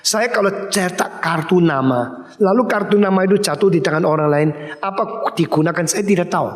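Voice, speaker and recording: Animated male preacher in a reverberant hall. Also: sits high, normal speed. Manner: animated storytelling, acting out quoted voices. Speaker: pastor. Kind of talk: sermon.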